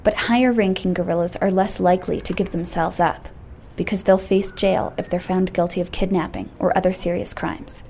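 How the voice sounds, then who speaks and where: Woman radio reporter reading her story, warm dark voice, faint hiss behind. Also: lowish voice, fairly even intonation, brisk, gravelly, hardly any pauses. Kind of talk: scripted radio narration.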